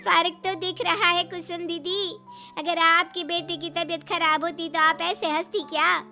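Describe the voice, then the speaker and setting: Hurt auntie in a cartoon, bitter, very high bright voice. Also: female voice, flat delivery, a little slow, faint music behind, heavily acted. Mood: reproachful. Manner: bitter and reproachful. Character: hurt, reproachful aunt.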